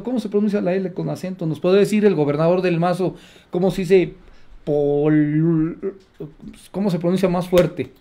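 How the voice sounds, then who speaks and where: Mexican male radio commentator, indignant and mocking, voice sits high. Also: darkish tone. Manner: sarcastic, indignant. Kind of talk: opinion commentary broadcast.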